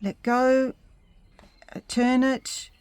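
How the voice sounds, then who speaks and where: A woman giving a step-by-step painting tutorial in a gentle, unhurried instructing manner. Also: high-pitched, fairly even intonation, clean tone, no echo.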